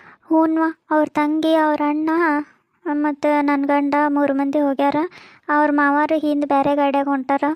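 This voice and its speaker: A woman voicing a busy, practical village housewife in a cartoon, speaking briskly with a North Karnataka Kannada accent. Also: high-pitched, completely flat delivery, a little mellow, dry recording, natural voice. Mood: matter-of-fact. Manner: brisk, explaining, motherly. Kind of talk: cartoon comedy voice acting.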